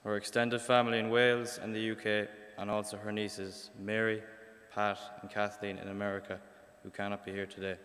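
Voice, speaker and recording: Man, low voice, very flat intonation, long church reverb. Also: fairly quick, hardly any pauses. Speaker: family member reading prayers. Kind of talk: reading prayers of the faithful.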